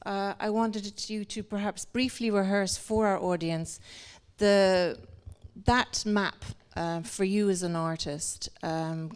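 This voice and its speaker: At an indoor talk venue with an audience present, a woman moderates a discussion about art. Her medium-pitched voice is clear and resonant, and her semi-formal remarks come out in long, meandering, hesitant sentences.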